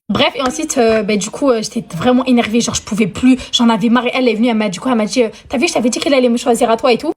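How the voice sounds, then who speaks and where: A young woman spins a casual story-time vlog in a brisk, slightly high voice. She is chatty and dramatic, slangy and quick to swap in English phrases. A faint hiss sits under the voice. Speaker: storyteller vlogger.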